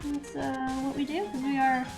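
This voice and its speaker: A woman's voice: high-pitched, fairly even intonation, moderate pace, over music. A woman in her thirties hosting a stream, chatting casually and laughing often while she paints. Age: 30s. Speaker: stream host. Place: studio set with a table.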